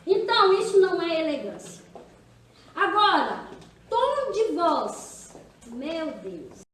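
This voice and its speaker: High, lively Brazilian woman pastor. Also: takes it slowly, slight background noise. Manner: chatty, teasing, asks the audience questions. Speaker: pastor leading a women's seminar. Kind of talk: church seminar talk to a women's group. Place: church hall. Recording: echoey hall, distant mic.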